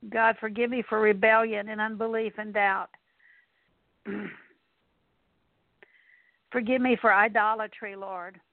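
A fairly high-voiced woman leads a spoken prayer of repentance, earnestly reciting a repetitive litany of confessions. The line sounds tinny, like a phone, and is dry with no echo.

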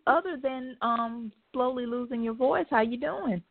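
A woman's voice: fairly high pitch, unhurried, gravelly, over a noisy crowd. A woman hosting an internet radio show in casual, chatty talk. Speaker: host. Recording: tinny phone-line internet radio.

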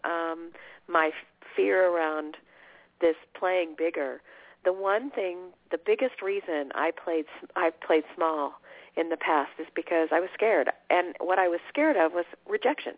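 Female guest coach with a cold, croaky voice, earnest conversational delivery, heard over a narrow telephone line. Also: lowish voice, unhurried. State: has a cold. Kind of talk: conversational interview. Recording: tinny phone line.

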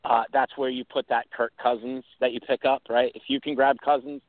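A man's voice: medium pitch, flat delivery, a little fast, dry recording. A man from New York hosting a sports talk show, rambling through picks with many fillers and restarts. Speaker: sports radio host. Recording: dry phone-like line.

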